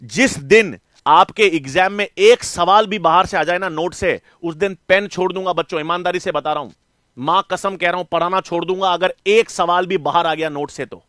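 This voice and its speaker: A middle-aged man teaches biology online at a moderate pace, his high voice a bit bright and the audio echo-free and studio-clean. Addressing pupils as "beta" and "bachche," he coaxes them and responds to his own questions.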